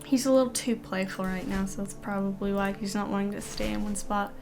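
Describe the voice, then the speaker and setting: A woman's voice: mid-range voice, steady tone, brisk. A woman chatting casually as she streams a video game, with a slight lisp from the dental aligners she is wearing. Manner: casual, rambling, reading game text aloud between remarks. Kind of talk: casual chat while playing a video game. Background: game music.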